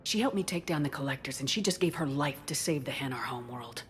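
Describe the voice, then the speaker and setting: An actress playing a firm, dry-witted military commander in a video game, direct and assured. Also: female voice, extremely low pitch, expressive, fast talker, slight background noise.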